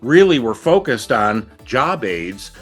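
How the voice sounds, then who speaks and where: A man hosting a conversational podcast interview asks his guest eager, earnest questions. His voice is medium-pitched, sing-song and husky, and he takes it slowly, with soft music playing in the background.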